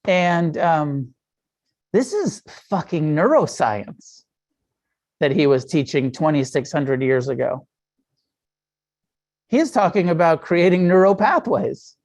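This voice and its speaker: A man's voice: a little high, big pitch swings, takes it slowly, long pauses, a little mellow. A middle-aged man giving a casual dharma talk as a meditation teacher, frank and profane, with frequent fillers and restarts.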